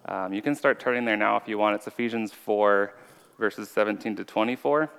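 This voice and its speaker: A man preaches briskly in a low-leaning, clear, resonant voice with vocal fry and a fairly bright tone. His earnest, conversational sermon includes personal testimony; he's an informal preacher with a slight stutter, recorded in a large, echoing hall.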